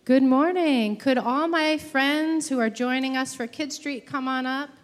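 A woman leading part of a church service, calling out slowly and clearly, her voice carrying a long cathedral-like echo. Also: sits high. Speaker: leader calling children forward in a church service. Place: church sanctuary. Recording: distant voice in a reverberant church hall.

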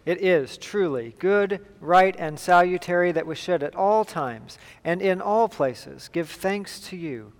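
A pastor leading liturgical prayers in a measured, solemn voice, with a cathedral echo behind him. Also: male voice, sits high, animated. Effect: cathedral echo, long church reverb. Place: large church sanctuary. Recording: long reverb from a large church.

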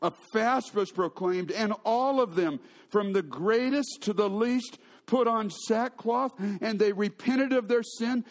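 A man's voice: high voice, measured pace, hardly any pauses. A man preaching a sermon, telling stories with humor and often restarting his sentences. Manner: storytelling with humor and frequent restarts. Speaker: pastor.

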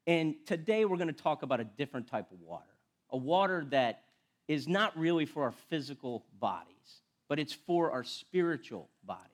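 A middle-aged man preaches in a casual, self-deprecating way, chatting with his church and stumbling over restarts. He mixes everyday stories into the sermon, and he sounds relaxed and conversational. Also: on the high side, normal speed. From Florida. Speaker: lay preacher and firefighter. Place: church sanctuary.

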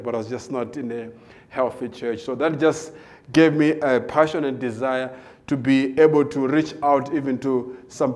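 Man, guest preacher, mid-pitch voice, halting testimony delivery with frequent pauses. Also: a little mellow. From South Africa. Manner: hesitant, many filler pauses. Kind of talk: personal testimony before a sermon.

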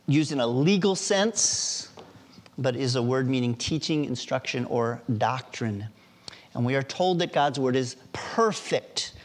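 A man preaching a sermon as a pastor in a church, deliberate and emphatic. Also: fairly high pitch.

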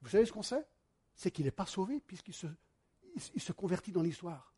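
A man, a pastor preaching a sermon and telling stories to his congregation in a lively way. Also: high-pitched, fairly quick, breathy edge. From United States. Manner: animated storytelling, addresses the congregation directly.

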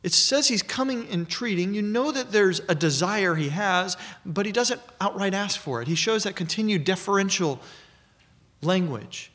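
A man preaching an expository sermon in a measured, emphatic teaching manner. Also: high voice, expressive, a bit bright.

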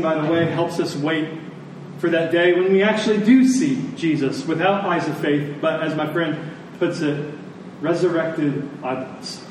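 This preacher has a fairly high pitch and a darkish tone, and he speaks earnestly and emphatically, repeating phrases to add weight. His sermon ends in prayer at a church service held in a large echoing room, recorded distantly with echo and faint noise.

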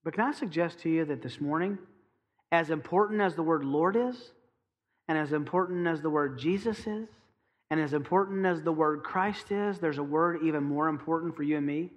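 Preaching at a moderate pace, a male pastor with a slightly high voice emphasizes important phrases and challenges his congregation with sharp rhetorical questions.

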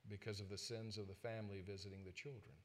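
A man's voice: fairly low pitch, level tone, fast talker, slight background noise. Emphatic male preacher telling stories. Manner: emphatic, swings from loud stresses to quiet asides; personal storytelling to the congregation. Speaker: pastor. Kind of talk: sermon.

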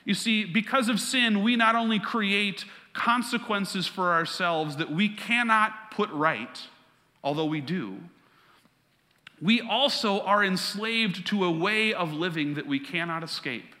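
A man's voice: high voice, a little slow, sharp tone, long reverb tail. A man preaching a sermon as pastor, earnest and conversational, weaving a personal story into his teaching.

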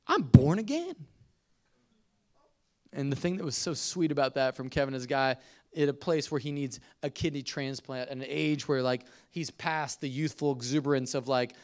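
A middle-aged man preaching a conversational sermon, telling stories with laughs and swings from loud to soft. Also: medium pitch. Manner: conversational, animated storytelling with laughs. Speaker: pastor.

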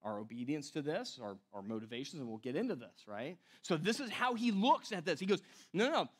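A man's voice: on the high side, animated, brisk, a bit bright, breathy edge. A middle-aged man preaching a conversational teaching sermon, with a slight whistle on his s sounds, breaking off and putting questions to his listeners. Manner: self-interrupting, rhetorical questions, talks directly to listeners. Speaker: pastor preaching to a congregation.

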